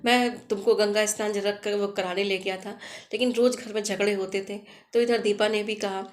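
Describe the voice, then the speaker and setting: A woman's voice: mid-range voice, steady tone, moderate pace, close to an everyday voice. A woman voicing a guilty grown son who apologizes with tears to his mother. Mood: remorseful. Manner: apologetic, emotional.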